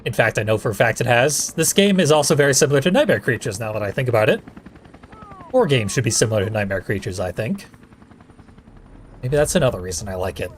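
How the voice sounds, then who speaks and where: Male let's play host, dry sarcasm, casual commentary, medium pitch, faint noise behind. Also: sing-song, fast.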